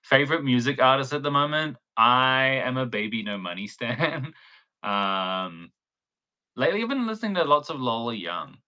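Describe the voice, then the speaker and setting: Hosting a relaxed crochet livestream, a young New Zealand pattern designer is chatty and giggly, filling his talk with likes and ums. His mid-range voice is expressive and sharp, moving at a moderate pace.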